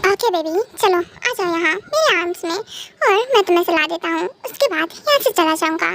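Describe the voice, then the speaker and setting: A woman voicing a gentle young husband who soothes his wife softly and indulgently, in a fan audio drama. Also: extremely high pitch, animated, moderate pace, heavily acted. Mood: soothing.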